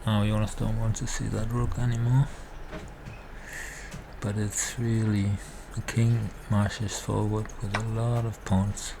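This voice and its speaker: Slow-talking man commentating over noise. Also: fairly low pitch, level tone. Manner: halting, thinking aloud. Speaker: amateur chess commentator. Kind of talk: casual live game commentary. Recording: clearly noisy background.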